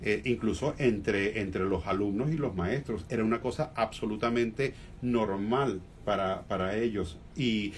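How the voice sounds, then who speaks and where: A humorist with a Venezuelan accent speaks as a guest in a radio interview, reflecting aloud with many fillers and pauses. His voice is lowish, with a little hiss or hum in the background.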